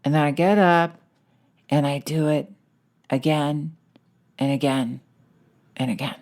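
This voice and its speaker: A woman's voice: deep voice, a little slow. A woman doing a mopey, weary woman. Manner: flat, listing, weary. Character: mopey woman bored with her life.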